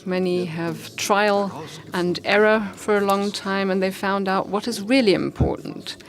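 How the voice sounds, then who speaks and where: A woman giving a talk on fasting, telling a parable slowly with pauses and fillers. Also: medium pitch, fairly even intonation. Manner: slow, pausing, with fillers. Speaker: speaker on fasting. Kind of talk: storytelling talk.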